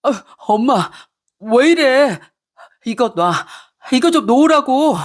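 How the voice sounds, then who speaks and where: A woman's voice: fairly low pitch, sing-song, moderate pace, husky. Woman doing a flustered, whiny husband. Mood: pained. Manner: pleading, flustered. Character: flustered cheating young husband, cornered and whiny.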